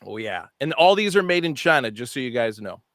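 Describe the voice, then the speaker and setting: A man's voice: medium pitch, a little fast, dry recording. Chatty man with a dry close sound. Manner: animated, chatty, self-correcting. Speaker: co-host presenting hats. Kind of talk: casual product show talk.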